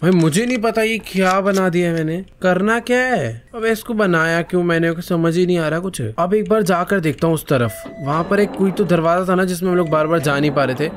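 A young man with a Hindi accent doing excitable let's play commentary of a horror game, talking to viewers with jumpy startled cries. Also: high-pitched, a little fast, few pauses, a little hiss or hum. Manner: excitable, talks to viewers, jumpy frightened exclamations. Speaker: gaming YouTuber.

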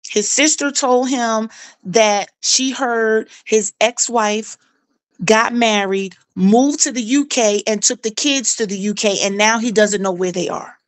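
A woman's voice: fairly high pitch, a little slow, no echo. A middle-aged woman tells her own story in casual chat. She talks animatedly, acting out quoted dialogue and repeating phrases for emphasis. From South Carolina, US.

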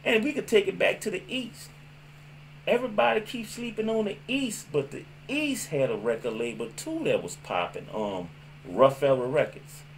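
A man's voice: high voice, moderate pace, crowd noise. A middle-aged man with a New Orleans accent, reminiscing casually and slangily to camera, often repeating himself as he recalls. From New Orleans, USA. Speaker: host of a local music history show. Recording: music playing behind the voice. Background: background music.

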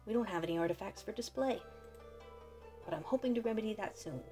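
A woman's voice: medium pitch, fast, warm tone, faint music behind, close to an everyday voice. A woman voicing a polite, earnest male museum curator from a video game. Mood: welcoming, earnest.

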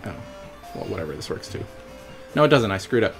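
A man's voice: deep voice, very animated, fast, gravelly. A man doing joking, playful gameplay commentary with casual swearing and blurted sound effects. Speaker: gaming video host. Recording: game music behind the voice.

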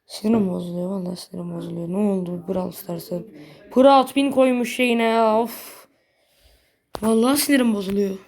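A woman giving casual gameplay commentary in a blunt, slangy way, quick to get annoyed. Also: medium pitch, steady tone, gravelly, darkish tone. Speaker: gaming video creator.

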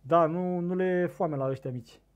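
A young man with a Romanian accent giving casual commentary on a fishing game, excitable and talking to his viewers, on a desk microphone set too loud. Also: high-pitched, phone-quality sound. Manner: excitable, shouts bursts at the game, talks to viewers. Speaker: gaming streamer.

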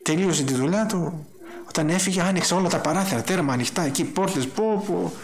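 Animated man preaching a sermon. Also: high-pitched. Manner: animated storytelling, acting out dialogue in a raised voice.

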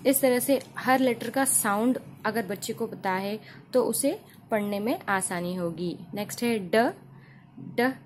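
A woman with an Indian accent teaching letter sounds for children, saying each sound slowly and repeating it. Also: medium pitch, a little hiss or hum. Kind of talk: phonics lesson for children.

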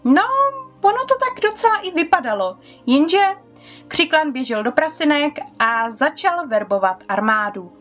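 Lively woman retelling a wizard's story. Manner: lively, questions to the audience, swings in pitch. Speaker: YouTuber retelling book lore. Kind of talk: casual storytelling to viewers.

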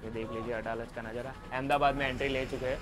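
Young male travel vlogger, chatty, mid-pitched, recorded on a phone in a moving bus with clear engine noise. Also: flat delivery, quick pace. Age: young adult. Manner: chatty, mixes English words into Hindi. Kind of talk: casual travel vlog narration. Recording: bus and street noise behind. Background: engine and traffic noise.

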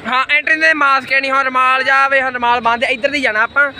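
A man's voice: very high-pitched, level tone, fast talker, pushed and bright. A man in his twenties with a Punjabi accent, chatting casually and slangily to his vlog viewers, joking as he goes. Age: 20s. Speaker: vlogger. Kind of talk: casual vlog chat to camera. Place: on the move in malls, streets, a car and a cafe. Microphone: phone at arm's length. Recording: noisy outdoor phone recording, crowd and traffic. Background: crowd chatter and vehicle noise.

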